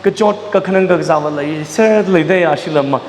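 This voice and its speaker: A man's voice: high voice, fast. A man preaching a sermon in a church, dropping English words into his talk. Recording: echoey church hall, mic at a distance.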